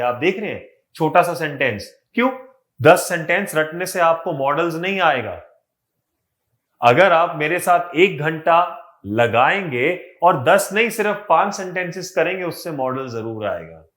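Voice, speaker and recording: Indian male teacher, higher voice. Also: a bit bright. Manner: explains step by step, asks and answers his own questions. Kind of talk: online exam-prep lesson mixing Hindi and English.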